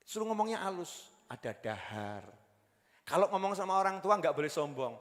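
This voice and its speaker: A man with a Javanese accent preaching a sermon, swinging between loud exhortation and low joking asides. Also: fast, in a large hall.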